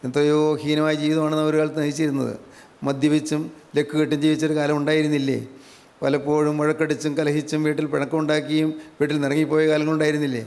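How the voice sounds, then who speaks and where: Male preacher from Kerala, gravelly, flat and fervent delivery, recorded in a reverberant hall. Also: on the high side. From Kerala, India. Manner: fervent, rhetorical questions, repeated praise refrains. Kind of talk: sermon.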